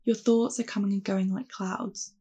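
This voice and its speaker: This guided mindfulness meditation features a woman leading a calm grounding exercise at normal speed. Her mid-range voice is husky and creaky, and her instructions sound gentle and reassuring.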